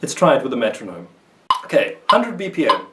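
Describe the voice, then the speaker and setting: A man's voice: medium pitch, huge pitch swings, brisk, far from the mic. Methodical male guitar teacher, roomy sound. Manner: patient, methodical explaining with counted demonstrations. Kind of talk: instructional video lesson. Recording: roomy sound, voice a bit off-mic. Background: guitar playing.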